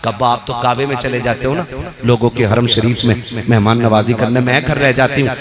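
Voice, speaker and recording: A man preaching a devotional sermon in an impassioned way, building to shouted climaxes. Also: medium pitch, fairly even intonation, fairly quick. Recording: loud crowd around a live stage talk.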